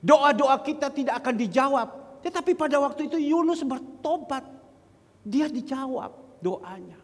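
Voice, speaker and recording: A male pastor with a very high voice delivers a sermon in a church hall. His voice carries a long reverb from the room around him. He talks straight to the congregation and slows right down whenever he quotes scripture. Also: expressive. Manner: addresses the congregation directly, quotes scripture slowly.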